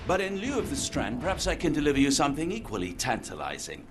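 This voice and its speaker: A man's voice: fairly high pitch, huge pitch swings, fast, over music. A man playing a polite, dryly exasperated British army doctor in a video game cutscene. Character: exasperated, well-mannered male army doctor, dry-humoured companion.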